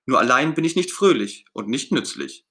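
A man voicing a shy, sad little lost cloud lamb in a storybook reading, speaking softly and timidly. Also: mid-range voice, expressive, moderate pace. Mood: wistful. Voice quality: soft, fine, timid voice.

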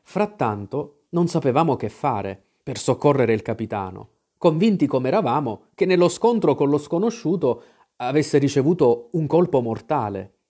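A man's voice: mid-range voice, animated, normal speed, warm tone, slightly rough. A man reading an adventure story aloud in dramatic storytelling narration. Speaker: audiobook reader. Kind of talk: scripted narration.

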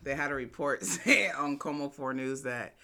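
A man's voice: mid-range voice, normal speed, bright, forceful tone, a little hiss or hum. A man in a casual, profane chat with friends, laughing easily and chiming in with short agreements. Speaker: podcast co-host.

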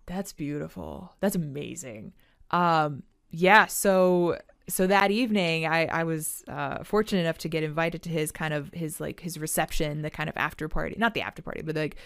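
A woman co-hosting a podcast, talking in a loose, chatty way full of fillers and restarts. Her voice sits on the lower side, and the recording is dry and close, with no room sound. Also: a little fast, gravelly, clean tone, no room sound. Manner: chatty, animated storytelling with many fillers. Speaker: podcast co-host. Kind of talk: casual chat.

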